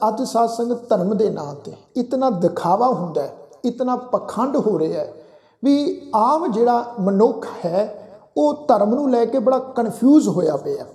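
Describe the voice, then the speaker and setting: A man teaching how to pronounce scripture, explaining words and then reciting verses in a slow chant. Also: sits high, gravelly, warm tone. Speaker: Gurbani teacher. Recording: echoey room with long reverb.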